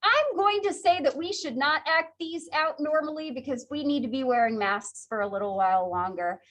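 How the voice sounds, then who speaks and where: A woman's voice: high-pitched, normal speed, a bit bright. A woman teaching a psychology class in a chatty, conversational lecture style, laughing often. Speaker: psychology instructor.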